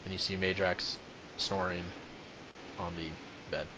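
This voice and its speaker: A man with a slightly low voice narrates as dungeon master, drifting through his descriptions with easy pauses and fillers. He sounds young and relaxed, building the scene as he goes. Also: slight background noise. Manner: rambling descriptive narration with frequent ums. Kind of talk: narrating a tabletop game.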